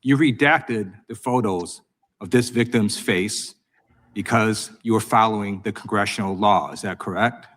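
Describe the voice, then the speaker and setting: A man's voice: lowish voice, unhurried, fairly bright tone. An American man questioning a witness at a formal hearing as a congressman, prosecutorial, insistent and accusatory. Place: government hearing room.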